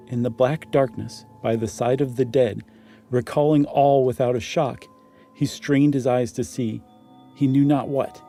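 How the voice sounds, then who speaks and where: On a podcast he co-hosts, this Ohio man goes from casual talk to dramatically reading a horror tale. He has a mellow, medium-pitched voice, and faint background music sits under it.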